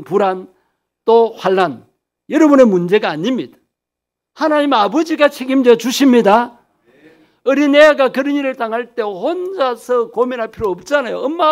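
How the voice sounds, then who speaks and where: A high-voiced male pastor delivers a sermon, posing questions to the congregation and then answering them himself. He draws out key phrases to give them weight.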